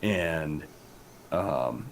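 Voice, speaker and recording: A man's voice: a bass voice, lively intonation, very slow, slight background noise. A young man with an Appalachian accent, co-hosting a podcast in casual chat, joking and rambling and swearing freely. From rural Appalachia. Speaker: podcast co-host.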